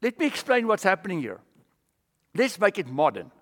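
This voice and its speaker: A male preacher delivering a sermon in an animated way, with humorous asides. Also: sits high, normal speed, long reverb tail.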